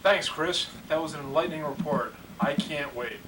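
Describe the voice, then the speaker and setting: Man playing a halting parody news anchor, noisy distant recording. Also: fairly high pitch, lightly acted. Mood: earnest, halting. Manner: halting, stammering questions. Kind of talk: parody news anchor, amateur spoof newscast. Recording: distant mic, clear background noise, clicks.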